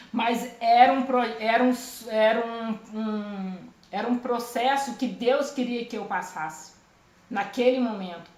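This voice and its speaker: A woman's voice: fairly high pitch, roomy sound. Earnest woman giving a testimony. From Brazil. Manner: earnest, emotional, repeats phrases. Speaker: testifying believer. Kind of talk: religious testimony. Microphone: phone camera.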